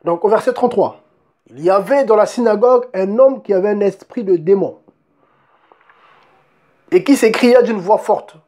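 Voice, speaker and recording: A man's voice: high-pitched, moderate pace, long pauses, mellow. A man preaching a sermon and reading Bible verses, emphatic, often asking his listeners if they see, and restarting words as he goes.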